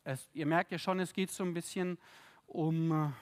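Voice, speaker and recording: Lively high-voiced male preacher. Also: moderate pace, clean tone. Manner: lively, conversational, with asides and tag questions; reads scripture aloud with the congregation. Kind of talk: sermon.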